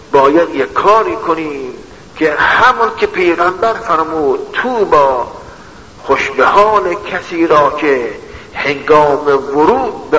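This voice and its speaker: A man preaching a sermon with a slightly high, bright and forceful voice. He speaks in a measured way and keeps returning to a refrain. The sound is dull and lo-fi, with long reverb from a hall. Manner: measured, repeating a refrain for emphasis. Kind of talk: religious sermon.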